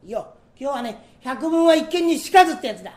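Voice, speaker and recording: A man performing comic storytelling, voicing a gruff, bossy male thief chief who scolds in rough street talk. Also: very high-pitched, animated, fast, voice pushed down. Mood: scolding. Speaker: rakugo storyteller.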